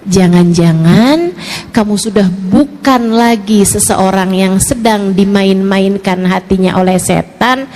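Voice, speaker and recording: A woman preacher giving a lively sermon to women, swinging between soft low asides and bright raised questions, and playing out quick imagined exchanges with her listeners. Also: slight background noise. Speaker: female preacher.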